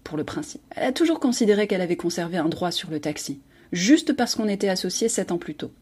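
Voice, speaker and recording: A woman doing a gentle, timid taxi driver. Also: on the low side, lively intonation, quick pace, husky. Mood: rueful. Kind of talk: audiobook reading.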